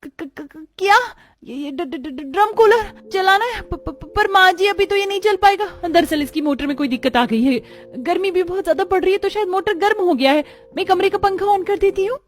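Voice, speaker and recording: A woman's voice: very high-pitched, quick pace, hardly any pauses, darkish tone, soft background music, voice pushed up. A woman voicing a timid young bride who stammers and makes excuses when she is questioned. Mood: stammering.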